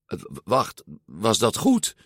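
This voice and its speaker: A man's voice: medium pitch, animated, measured pace, creaky, dry recording, clean studio sound, pitched above the performer's own voice. A man reading a storybook aloud, voicing a timid, anxious teenage sea-monster boy who hesitates and apologizes.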